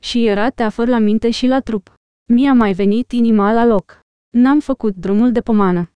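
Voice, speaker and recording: A woman's voice: fairly high pitch, dark tone, clean tone, no room sound, close to an everyday voice. A woman reading a blunt dwarf warrior. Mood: relieved.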